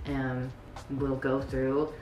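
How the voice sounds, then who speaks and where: A young woman chatting casually in a vlog, relaxed and laughing often between her words. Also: a bass voice, very slow, roomy sound, soft background music. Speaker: vlogger and beach volleyball player.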